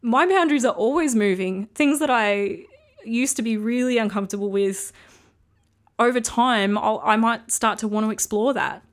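A woman's voice: on the high side, moderate pace. A woman hosting a solo podcast, talking casually and frankly as she gives earnest advice. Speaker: podcast host.

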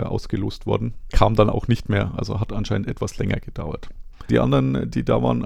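A man's voice: on the low side, creaky, darkish tone, no echo. A man hosting a show, recounting an event in a wry, conversational storytelling manner. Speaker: podcast host. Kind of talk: recap narration. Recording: dry close recording.

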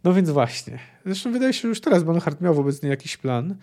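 Man, podcast host, book discussion, hesitant with lots of fillers, mellow slightly high voice. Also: big pitch swings, brisk. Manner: hesitant, thinking aloud with many fillers. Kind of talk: book discussion podcast with read-aloud passages.

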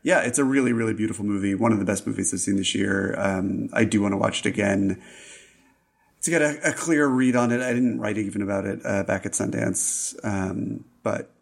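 A man with a low, heavily gravelly voice talks about a film in casual podcast chat. He is reflective and hesitant, with plenty of ums and restarts. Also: a little fast. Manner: thoughtful, hesitant, many fillers. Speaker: film critic podcast co-host.

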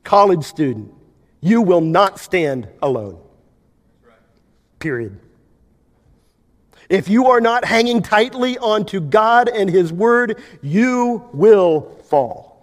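A male pastor giving a sermon, preaching with emphasis and big swings between loud and quiet. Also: lively intonation, takes it slowly, long pauses. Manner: emphatic preaching, wide swings in pitch and loudness. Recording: long hall reverb.

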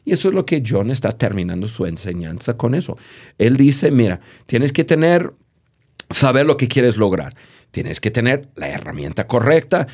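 A man, a podcast guest, telling a childhood story in conversation, animated and full of restarts. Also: mid-range voice. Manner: animated, lively, with many restarts.

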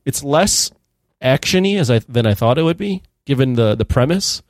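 An American man co-hosting a podcast, talking in a halting, hesitant way with restarts. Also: medium pitch, lively intonation, dry recording, clean studio sound. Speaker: podcast co-host. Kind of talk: casual chat.

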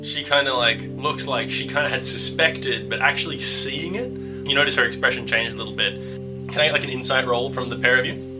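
A man's voice: medium pitch, fairly quick, over music. A man narrating as game master of a tabletop game, in a casual style full of fillers.

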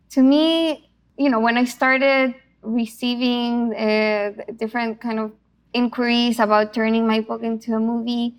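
A woman from Chile talks through her film project as an interview guest. Her voice is smooth and resonant, sitting a little higher than most women's. She explains patiently, dotting her sentences with "you know" and "um.". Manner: fluent and explanatory, with frequent fillers. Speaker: author and executive producer. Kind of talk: interview answer.

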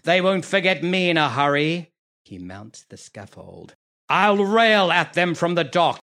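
An actor playing the scheming, bawdy villain Iago in a theatrical monologue, sneering and leering, dropping to muttered asides and rising to loud rants. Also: male voice, mid-range voice, measured pace, natural voice. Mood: defiant, ranting. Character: scheming bawdy male villain Iago, self-pitying braggart.

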